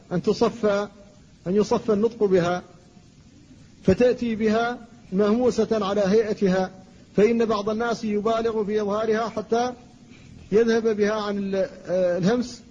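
Man, high voice, lecturing teacher, careful drawn-out demonstrations, muffled lo-fi sound. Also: darkish tone, in a large hall. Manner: slow, deliberate demonstrations of pronunciation. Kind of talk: classroom lecture. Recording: dull lo-fi recording with faint noise.

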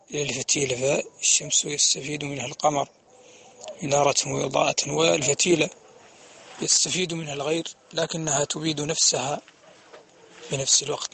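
A man giving a religious lecture, explaining steadily and chanting quoted verses slowly. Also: fairly high pitch, creaky, fairly bright tone. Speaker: preacher.

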